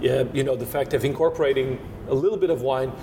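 A Portuguese man, native in Portuguese, speaks haltingly as a winemaker giving descriptive interview answers, frequently restarting while searching for words. Steady noise and low rumble fill the background.

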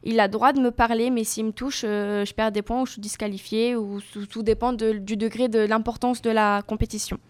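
A woman's voice: on the high side, fairly even intonation, fairly quick, hardly any pauses, clean tone. A young woman, an athlete guest, answering interview questions casually and searching for her words. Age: young adult. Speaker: para-surfing champion guest.

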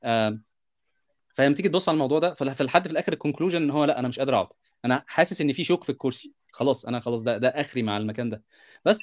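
With a mid-range voice and an Egyptian Arabic accent, this thirty-something software developer co-hosts a laid-back podcast. His storytelling comes fast and animated, sprinkled with repeated "you understand?" asides aimed at the listeners.

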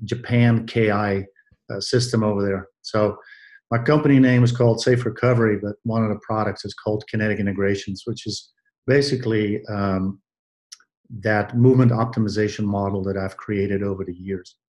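A man in his sixties from Belgium, answering interview questions about his career in a measured way, with many pauses and restarts. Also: lowish voice, steady tone, darkish tone. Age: 60s. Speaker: guest, athletic trainer.

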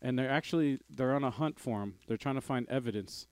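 Man, podcast co-host, mid pitch, dry recording, informal hesitant storytelling, casual swearing. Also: fast talker, no room sound. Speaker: podcast co-host presenting news. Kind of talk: casual, profane news chat.

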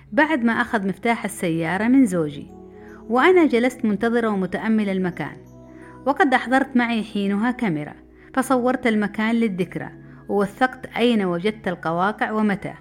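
Faint background music accompanies this lively, brisk memoir story. The teller is a middle-aged woman from Saudi Arabia whose voice sits in the mid range.

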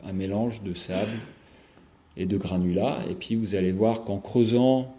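Presenting slides, this native French speaker talks in a deep, mellow tone with fairly even intonation. His delivery is halting, full of fillers, frequent pauses and restarted phrases, and he keeps checking that listeners are following.

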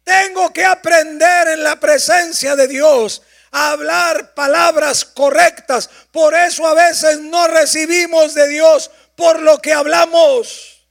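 A male pastor, preaching a sermon with drawn-out emphasis and loud passages. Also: very high voice, steady tone, creaky.

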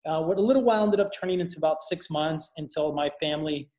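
A young man who grew up in Colombia, a missionary talking casually as an interview guest, relaxed and rambling with plenty of fillers. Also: on the high side, fast, roomy sound.

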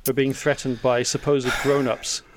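A man's voice: medium pitch, flat delivery, moderate pace, noisy background. A man hosting a casual news chat podcast, chatty, often stammering and restarting his sentences. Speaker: podcast host.

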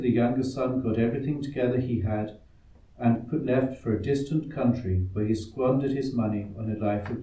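Dark-voiced priest in cathedral-like echo. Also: male voice, medium pitch. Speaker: priest reading the Gospel at Mass. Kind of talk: liturgical scripture reading. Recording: echoey church, heard from a distance.

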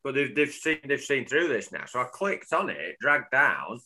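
A man's voice: mid-range voice, big pitch swings, normal speed, sharp tone. A man co-hosting a football podcast, rambling and joking in casual chat. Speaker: podcast co-host. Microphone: remote call, cuts out.

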